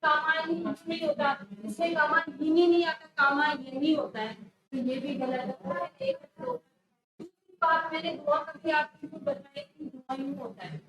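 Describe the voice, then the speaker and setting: High-voiced woman teacher, echoey room. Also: expressive, unhurried. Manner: correcting students firmly, repeating the word under discussion. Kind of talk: exam prep lesson going over a test. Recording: echoey room with faint noise.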